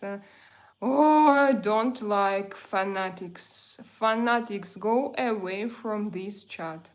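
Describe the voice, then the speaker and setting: On a livestream with poor audio, a Russian woman with a Russian accent chats casually and answers viewers in halting, repetitive English. She speaks at a medium pitch.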